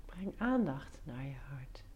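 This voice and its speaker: A woman guiding a meditation in a soft, breathy near-whisper, soothing, giving short instructions with pauses. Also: rumbling low, very animated, highs cut off. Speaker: meditation guide. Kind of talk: guided meditation.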